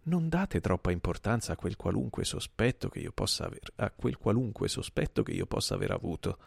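A man voicing an older, guilt-ridden gentleman who pleads hesitantly in a trembling voice. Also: fairly low pitch, huge pitch swings, a little fast, gravelly, slightly rough, no echo, exaggerated voice. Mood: pleading.

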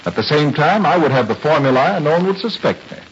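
A suave, sardonic villain of a 1940s radio serial, acted by a man. He talks down to everyone with mocking polish and wide swings of pitch. The sound is muffled, with a faint hiss. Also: animated, fast talker, close to an everyday voice. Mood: smug, condescending. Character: smooth, mocking male crook, a spy posing as chemist. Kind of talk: 1940s radio drama acting.

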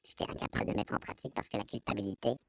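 A man with a Belgian French accent giving a hesitant, explanatory testimony, his voice artificially pitched down to disguise it. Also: fairly even intonation, rapid-fire, heavy background noise. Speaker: anonymous interviewee giving testimony. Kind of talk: personal testimony in an interview.

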